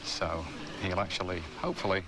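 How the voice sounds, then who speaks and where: A man's voice: sits low, a little fast, background noise. A man speaking as an animal expert on location in a nature documentary, explaining things in an unscripted way. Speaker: crocodile expert. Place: outdoors on location. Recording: outdoor location sound with music.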